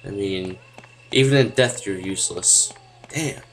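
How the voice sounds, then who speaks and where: A man's voice: sits low, a little slow, a little hiss or hum, poor audio. A young man giving casual gameplay commentary, sarcastic and joking, with the odd swear word. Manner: sarcastic, swearing, jokey asides. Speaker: let's play gamer.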